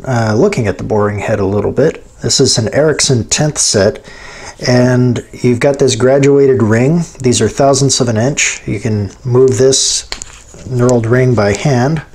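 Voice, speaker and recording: A man's voice: medium pitch, fairly even intonation, measured pace, a little mellow. A man hosting a machining tutorial, explaining hands-on steps in an informal, folksy way. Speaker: host of a machining how-to channel. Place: home machine shop, indoors at a lathe.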